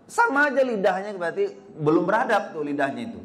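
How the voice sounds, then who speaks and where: A man's voice: sits high, sing-song, fast talker, a bit bright. A man from Indonesia, giving a religious lecture to parents in a casual, conversational way and acting out little dialogues with children. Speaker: ustadz giving a regular study lecture.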